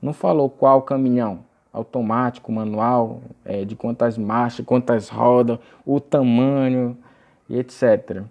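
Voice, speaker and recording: A young man teaching English grammar in a recorded video lesson, explaining patiently and reading example phrases aloud slowly. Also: medium pitch, steady tone, a little mellow.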